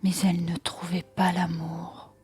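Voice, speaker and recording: A woman telling a story in an intimate ASMR whisper, right in the listener's ear, slowly and with long pauses. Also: lowish voice, little pitch movement, a little mellow, breathy edge. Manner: slow, unhurried delivery with long pauses. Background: music.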